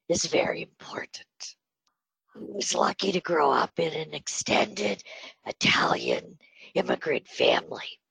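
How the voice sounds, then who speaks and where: An older woman talks slowly and thoughtfully, her voice breathy and raspy with a gravelly edge. She sounds reflective and measured, in a dry, close recording. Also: on the low side, fairly bright tone, no room sound, low-quality recording. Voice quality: breathy, whispery voice. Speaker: podcast guest, retired health system executive. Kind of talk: interview storytelling.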